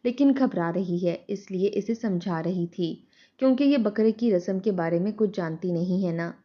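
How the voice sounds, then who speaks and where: A woman's voice: mid-range voice, lo-fi sound, lightly acted. A woman doing an anxious village mother. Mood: stern. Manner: pleading, fretful.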